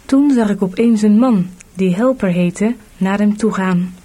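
A woman narrating a storybook audiobook in a measured, clear reading. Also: medium pitch, mellow.

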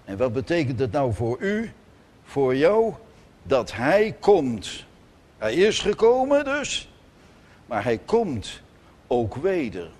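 A man preaching a sermon in church, emphatic, with sudden loud declarations and soft, gentle asides. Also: medium pitch, wildly swooping pitch, slow, pauses often. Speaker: pastor.

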